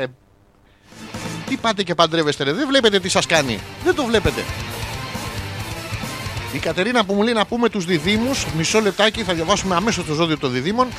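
A man hosting a radio show, reading horoscopes as a crude, rambling comic monologue full of wordplay. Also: high-pitched.

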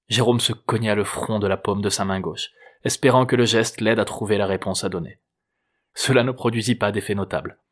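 An audiobook narrator with a fairly low voice reads a novel chapter. His scripted narration is measured and even.

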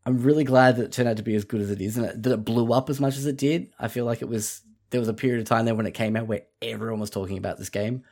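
A man's voice: mid-range voice, steady tone, rapid-fire, few pauses, a little mellow. A man co-hosting a casual video game podcast, talking in a loose, rambling way with many restarts. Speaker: podcast co-host. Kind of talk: casual chat.

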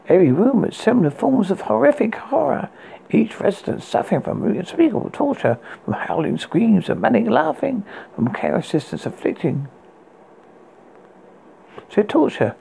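A woman horror host with a husky, gravelly voice, narrating a scripted scary story in a deliberate reading with occasional stumbles. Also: medium pitch, big pitch swings, warm tone, a little hiss or hum, poor audio.

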